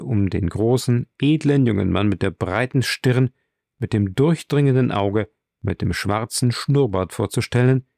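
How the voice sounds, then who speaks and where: A man narrating a classic novel as an audiobook, reading calmly and evenly. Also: on the low side, gravelly, dry recording, clean studio sound. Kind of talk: scripted narration.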